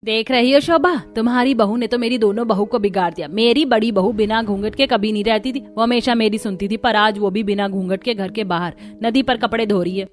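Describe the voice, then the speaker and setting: A woman's voice: on the high side, fairly quick, few pauses, close to an everyday voice. A woman voicing a strict older village mother-in-law in a cartoon, scolding and commanding. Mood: angry. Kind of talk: cartoon dubbing.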